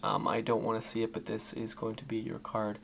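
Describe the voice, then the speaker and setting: A man giving a casual, loosely improvised card-trick tutorial in magician patter, talking informally to viewers with a gravelly voice. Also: lowish voice, monotone, brisk. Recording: faint background noise.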